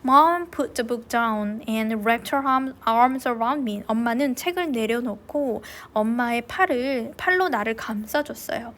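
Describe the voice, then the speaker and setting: A woman English teacher reading a novel aloud slowly and clearly, then translating it line by line. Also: on the high side, fairly bright tone. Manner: slow and clear in English, quicker in Korean.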